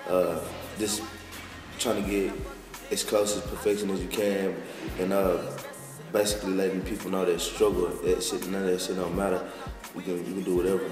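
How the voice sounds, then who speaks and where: A young man in his twenties from Texas, a musician answering interview questions in a halting, slangy way with many restarts. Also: sits low, little pitch movement. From Texas, USA. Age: 20s. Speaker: guest musician. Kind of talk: casual interview talk. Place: lounge with large windows, indoors. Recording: echoey room, far from the mic, music behind.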